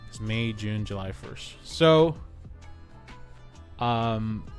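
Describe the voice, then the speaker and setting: A man's voice: on the low side, drawn-out words, soft background music. A man hosting a casual real estate livestream, joking and chatty as he reads viewer comments aloud.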